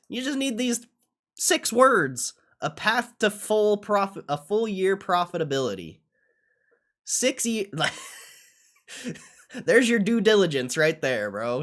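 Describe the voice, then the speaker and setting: A young man with a high, slightly bright voice chats casually on a livestream, reacting to what's on screen. His speech is slangy and full of swearing, and he keeps repeating phrases as he responds.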